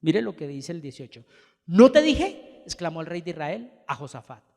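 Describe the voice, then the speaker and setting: A man preaching a sermon in an animated way, acting out the people he quotes. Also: a little high, brisk, gravelly. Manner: animated, acts out the speakers he quotes. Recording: long hall reverb.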